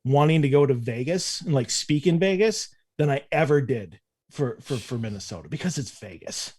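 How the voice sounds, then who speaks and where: A man talking as a podcast guest in a relaxed way, with many fillers and halting starts. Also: mid-range voice, husky, no room sound, clean studio sound. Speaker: convention director, guest. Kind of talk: casual chat.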